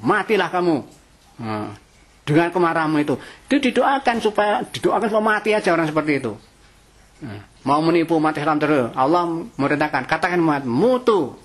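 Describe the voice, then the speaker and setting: A man gives a lively, conversational Quran study lecture, chanting Arabic verses between casual asides. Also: mid-range voice. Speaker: Quran teacher.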